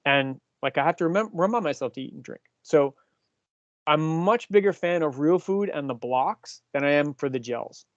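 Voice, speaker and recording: A man's voice: fairly high pitch, animated, moderate pace, dry recording, highs cut off. A man in his fifties, a cycling coach chatting and explaining things to his team, often asking them questions. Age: 50s. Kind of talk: casual team talk.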